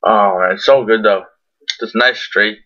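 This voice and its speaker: Low-voiced young man with lip full of dip. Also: measured pace, bright, forceful tone. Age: young adult. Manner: laid-back, profane, rambling. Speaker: tobacco product reviewer. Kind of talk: casual chat to camera, product review. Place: small bedroom, indoors. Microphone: computer webcam at arm's length. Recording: dull lo-fi webcam audio.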